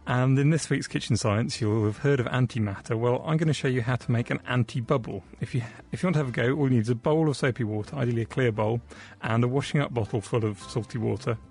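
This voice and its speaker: A man's voice: medium pitch, quick pace, few pauses, a little mellow. A man presenting on a science radio show, informally introducing a hands-on demonstration.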